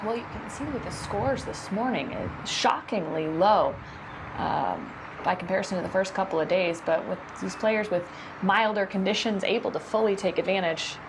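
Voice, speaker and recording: A woman's voice: mid-range voice, lively intonation, moderate pace, noisy background. A woman giving live golf commentary, explaining how the players are doing.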